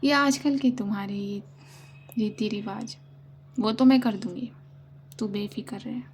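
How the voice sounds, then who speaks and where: A woman voicing a stern but tender older mother-in-law in a whispered role-play, teasing and commanding in a soft voice. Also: medium pitch, unhurried, a little hiss or hum, close to an everyday voice. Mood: indulgent.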